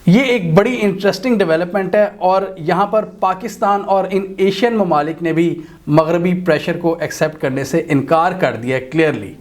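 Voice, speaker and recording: A male commentator talks through current events unscripted, with a voice pitched somewhat high for a man. He speaks conversationally and shares his own opinions, often restarting his sentences as he goes. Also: normal speed.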